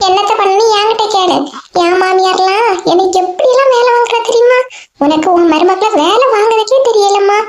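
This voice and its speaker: A woman's voice: very high voice, roomy sound. A woman with a Kanyakumari Tamil accent voicing chatty, scolding village women in a cartoon story. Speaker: cartoon voice artist.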